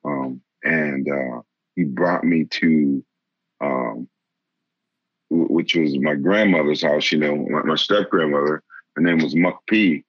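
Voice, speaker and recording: A man from the area, telling a story in casual conversation, halting with many restarts and laughing now and then. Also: extremely low pitch, dry recording. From Boston area, Massachusetts. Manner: laughs while telling stories. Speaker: interviewee. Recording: dull lo-fi sound.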